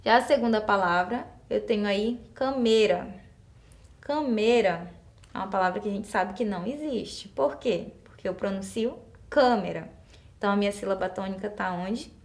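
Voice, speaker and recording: A Brazilian woman teacher with a Brazilian Portuguese accent walks through exercises at a patient, even pace, breaking each one into small steps. She often poses a question to the class and answers it herself. Her voice sits at a middle pitch. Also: brisk, few pauses. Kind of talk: classroom lesson explaining exercises.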